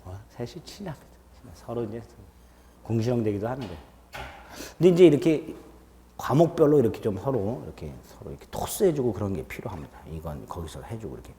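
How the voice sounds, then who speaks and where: A middle-aged man giving a law lecture to a class, chatty and self-teasing, often dropping to a low murmur. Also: very animated, brisk, warm tone, in a large hall, a little hiss or hum. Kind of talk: classroom lecture with joking asides. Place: lecture room with students.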